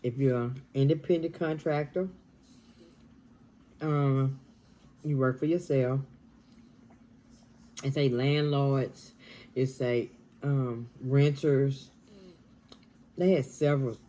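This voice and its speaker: A woman, chatting casually while eating on camera in her dining room, talking softly and half-whispering. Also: a bass voice, fairly even intonation, slow, pauses often, poor audio. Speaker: mukbang vlogger.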